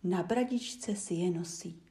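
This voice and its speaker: A woman's voice: fairly low pitch, warm tone, natural voice. A woman voicing cheeky little goat kids teasing a wolf, in whispered role-play.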